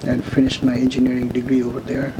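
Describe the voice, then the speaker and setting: A man in his seventies from India, slowly telling his life story in an oral history interview, with many pauses and fillers. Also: mid-range voice, completely flat delivery, noisy background. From India, West Bengal. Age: 70s.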